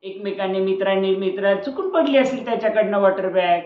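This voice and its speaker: Older woman as a patient mother, gentle, coaxing, roomy echo, muffled lo-fi sound. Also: medium pitch, a little fast, a little hiss or hum, lightly acted. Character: patient mother of a young boy. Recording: roomy, dull lo-fi recording.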